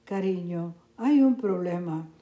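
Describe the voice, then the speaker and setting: A woman voicing a calm, cheerful middle-aged mother who speaks soothingly, in a storybook reading. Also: fairly low pitch, slow pace, muffled recording. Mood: reassuring. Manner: soothing, reassuring.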